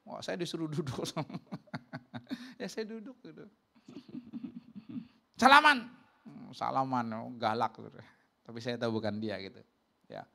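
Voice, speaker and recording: A man, a pastor preaching a sermon and telling stories with laughter, lifting his voice high when he quotes people. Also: normal speed, creaky. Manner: animated storytelling, jumps high for quoted voices; laughs between lines.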